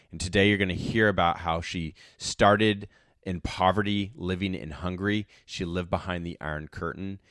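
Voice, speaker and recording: A man's voice: sits low, a bit bright, no room sound, studio quality. A man hosting a podcast interview, upbeat and laughing easily with his guest. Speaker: podcast host.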